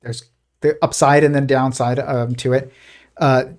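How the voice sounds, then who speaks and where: This man hosts a live physics show, speaking in a mid-range, darkish voice with flat delivery and a slightly slow pace. He talks casually and rambles, full of fillers and restarts, and slips into a posh old-timey voice whenever he quotes something.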